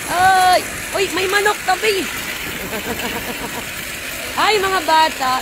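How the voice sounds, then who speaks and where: A woman's voice: fairly high pitch, very noisy. A woman from a church live-streaming on her phone as she walks outdoors beside railway tracks, chatting and greeting viewers and passers-by. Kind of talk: casual live-stream chat. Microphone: phone held while walking.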